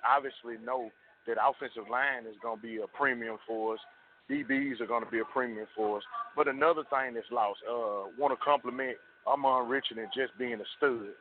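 A man calling in to a radio show on a cell phone, speaking earnestly and in a measured way about his team. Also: mid-range voice. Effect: heard over a cell phone line. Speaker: radio call-in caller. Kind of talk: earnest sports fan commentary. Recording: tinny cell phone line with faint hiss.

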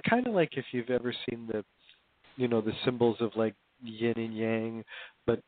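A man's voice: mid-range voice, dry recording. A man speaking as a guest in a radio interview over a crackly phone line with static. He talks hesitantly, with many fillers and restarts.

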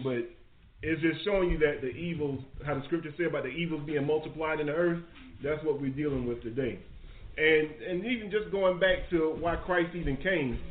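A man teaching a live-streamed Bible study, reading verses aloud and retelling scripture in an animated, preachy way. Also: fairly high pitch. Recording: echoey, phone-like stream audio.

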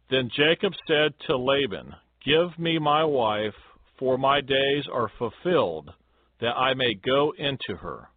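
A man reads scripture at an unhurried, solemn pace. His intonation rises and falls widely and drops at the close of each phrase. The sound is dry and narrow, like a phone line. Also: dry recording. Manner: measured, solemn, dropping pitch at phrase ends. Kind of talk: slow scripted Bible reading.

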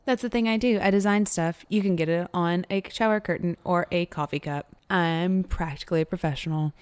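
A woman's voice: on the low side, a little fast, smooth, dry recording. A woman co-hosting a podcast who is getting over a cold, chatting in a bubbly, jokey way. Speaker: podcast co-host. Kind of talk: casual chat.

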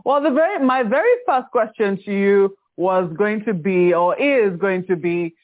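A male TV host with a high voice introduces his guest in a measured, courteous tone. His speech sounds thin and tinny, as if relayed down a phone line. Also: animated. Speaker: TV talk show host. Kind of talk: scripted interview introduction and questions. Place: TV studio.

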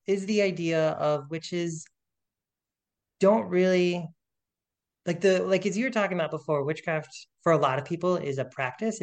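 A man, the author being interviewed, talking casually with many fillers and reading his own rhyming poem aloud. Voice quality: self-described squeaky voice. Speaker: author guest.

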